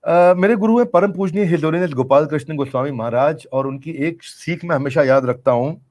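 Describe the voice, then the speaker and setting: A man's voice: fairly high pitch, moderate pace, a little mellow. A middle-aged man answering interview questions in an earnest, emphatic way, repeating key phrases for effect. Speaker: business coach being interviewed.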